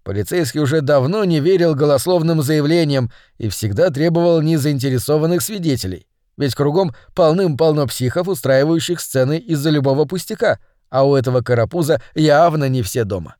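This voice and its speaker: A man narrating a novel as an audiobook reader in an even storytelling manner. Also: on the high side, a little fast, hardly any pauses, dry recording. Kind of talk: scripted narration. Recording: dry close studio sound.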